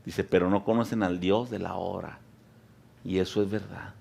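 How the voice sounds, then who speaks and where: A man preaching a sermon as a pastor. He often addresses the congregation as brothers and sisters, and at times his voice rises to loud, impassioned preaching. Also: low voice, fairly even intonation, normal speed, vocal fry. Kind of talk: Spanish sermon.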